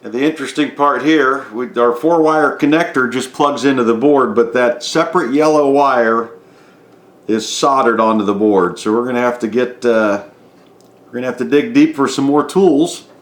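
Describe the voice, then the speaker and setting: A man with a mid-range voice, speaking at a normal speed, talks a DIY repair demonstration through step by step. His narration is unscripted and methodical, and the room around him is echoey.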